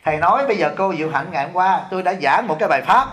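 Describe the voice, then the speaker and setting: A middle-aged man from Vietnam, an abbot giving a sermon in a lively, joking way, often asking his listeners questions. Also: high-pitched, racing. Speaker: abbot giving a dharma talk. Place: temple hall.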